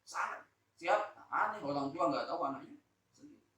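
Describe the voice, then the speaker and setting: Male teacher from Lombok teaching Quran exegesis; animated, loud peaks and quiet asides; slightly high voice; distant phone recording. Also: a little hiss or hum. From Lombok, Indonesia. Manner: animated, swings between loud emphasis and soft asides; draws out Arabic words slowly. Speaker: Islamic teacher. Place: school hall, indoors. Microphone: phone camera recording. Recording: echoey room, distant phone mic.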